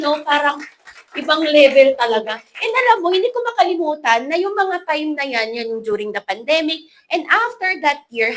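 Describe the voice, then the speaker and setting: A woman in her thirties with a Filipino accent, giving an animated, playful motivational talk to an audience at a business event. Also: high-pitched, poor audio. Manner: lively, animated, playful, mixing English into Filipino.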